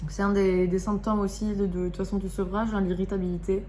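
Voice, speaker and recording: A woman's voice: medium pitch, level tone, fast, mellow, a little hiss or hum. A young woman vlogging at home, talking casually and candidly in slangy speech, openly irritated. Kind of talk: casual confessional vlog.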